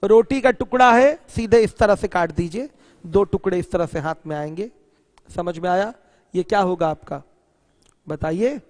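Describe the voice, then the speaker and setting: At a normal speed, a man with a high, bright voice runs an online geometry class as a math teacher. He checks in with students constantly, answering his own questions, drops English technical terms into his explanations, and reads viewer questions aloud. The audio is close and dry, yet followed by a long hall reverb.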